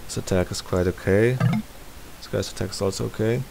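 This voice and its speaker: A man with a lowish, creaky voice talks fairly quickly as he presents a casual screen-recorded game tutorial. He thinks aloud, working step by step, while a constant hiss sits underneath the recording.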